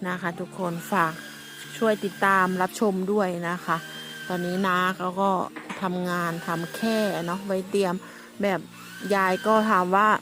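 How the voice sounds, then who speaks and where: Brief: middle-aged woman, casual chatty vlogger, even middle pitch, faint music underneath. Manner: chatty, polite, many fillers and restarts. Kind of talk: casual vlog chat to viewers.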